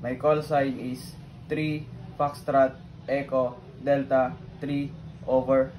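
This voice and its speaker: A man playing a ship's radio officer, speaking in measured, formal radio procedure. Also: mid-range voice, little pitch movement, dull audio, close to an everyday voice. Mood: formal, steady. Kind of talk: formal scripted maritime radio exchange. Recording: very noisy background ambience.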